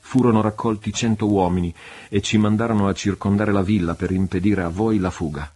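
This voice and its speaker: A man's voice: fairly low pitch, steady tone, a little fast, a little mellow, close to an everyday voice. A man reading the lines of a captured soldier, hesitant and reluctant to talk. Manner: reluctant, yielding.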